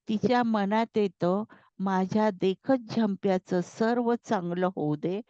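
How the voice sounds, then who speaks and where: A woman's voice: mid-range voice, mellow, no echo, highs cut off, natural voice. A woman voicing a kindly elephant-headed god.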